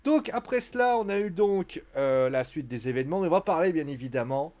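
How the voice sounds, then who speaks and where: A man's voice: a little high, lively intonation, brisk, a little mellow. A man giving a casual live-stream recap of a wrestling show, chatty and joking, with theatrical asides to his viewers.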